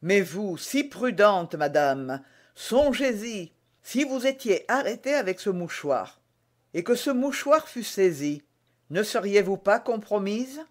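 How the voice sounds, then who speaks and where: A man's voice: high-pitched, very animated, takes it slowly, pitched above the performer's own voice, heavily acted. A man with a French accent voicing an eager, lovesick young swordsman in an audiobook. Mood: insistent. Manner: eager, earnest. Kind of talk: audiobook reading.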